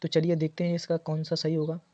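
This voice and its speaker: A man's voice: on the high side, monotone, fast, dark tone. A man teaching an exam preparation lesson, going through quiz answers and patiently repeating key words. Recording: dull lo-fi audio.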